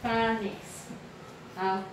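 A woman tutoring pupils in a classroom, patiently repeating prompts and quizzing them. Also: drawn-out words. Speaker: English teacher. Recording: echoey room from far off, faint noise.

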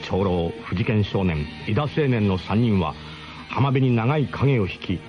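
Voicing a camper who solemnly inflates the tale of his crew's shambolic expedition, a man narrates a comedic radio drama with grand flourishes and casual turns of phrase. He speaks unhurriedly and animatedly in a lowish voice, over faint music on a lo-fi recording.

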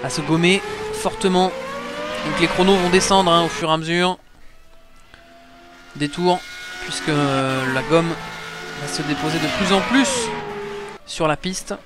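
A man's voice: a little high, unhurried, pauses often. A man giving live motorsport commentary on a sim race, explaining things to the viewers. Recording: clear background engine noise. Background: race car engines.

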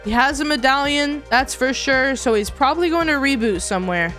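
A woman giving excited gameplay commentary in a hyped, slangy gamer-bro manner. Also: high voice, brisk, faint music behind. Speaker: gamer, video host.

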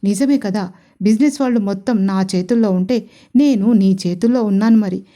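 A protective young husband speaks firmly and forcefully, with a teasing edge, read by a woman narrator. The voice is mellow and warm. It is a romance audio story. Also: medium pitch, normal speed, close to an everyday voice. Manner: firm and forceful.

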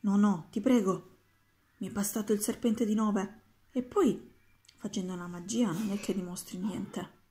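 Storybook schoolboy read by a woman, doubtful, protesting, mellow voice. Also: medium pitch, steady tone, normal speed, lightly acted. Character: curious schoolboy, doubtful and tired.

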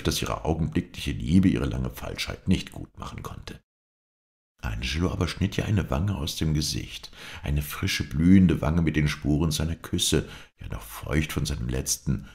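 Very deep, gravelly-voiced male storyteller. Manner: expressive storytelling. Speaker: audiobook reader. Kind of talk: literary audiobook narration.

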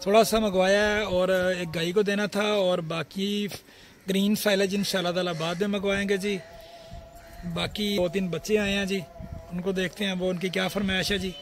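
A middle-aged Pakistani farm vlogger with a Punjabi accent casually chats while filming a walk around his outdoor dairy farm on a phone held at arm's length. He calls out to animals and children and politely adds "ji" to his lines. His high voice has little pitch movement and a moderate pace, with soft background music behind it.

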